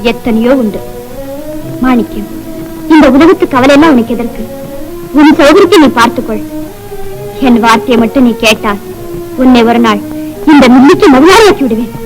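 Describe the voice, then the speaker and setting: Cold possessive heiress, high voice, formal and menacing, old film soundtrack with music. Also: female voice, animated, moderate pace, pauses often, rough recording. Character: possessive rich young woman, mill owner's daughter, coldly threatening.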